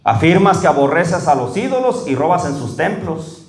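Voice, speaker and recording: Guy preaching, kinda high voice, echoey church room, keeps asking ¿verdad?. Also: very animated. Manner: conversational, frequent "¿verdad?" checks with congregation; slows down and rises in pitch when reading scripture. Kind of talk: sermon. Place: church hall.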